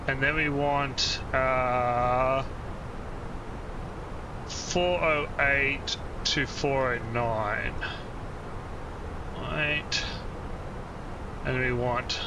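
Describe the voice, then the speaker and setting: A man playing a flight simulator, thinking aloud in hesitant, muttered steps. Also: mid-range voice. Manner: muttering, hesitant step-by-step self-talk. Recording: distant mic, clear cabin noise.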